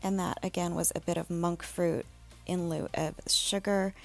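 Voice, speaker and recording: A woman in her thirties talks through a home recipe in a relaxed, chatty way, as if to a friend. Her voice sits a little low, with a gravelly edge of vocal fry. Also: normal speed, over music. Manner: relaxed, chatty, with fillers and small laughs. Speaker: home cook vlogger. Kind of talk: casual cooking voice-over.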